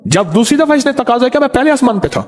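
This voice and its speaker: A man's voice: very high voice, expressive, a little mellow, voice pushed up. A man voicing a stern male angel who declares he serves a holy verse, speaking in a solemn, declaring way. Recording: long reverb.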